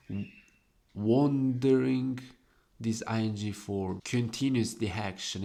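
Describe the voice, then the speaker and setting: A young man slowly explaining the devices in his own poem, lingering over each quoted verse word. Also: fairly low pitch, creaky. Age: young adult.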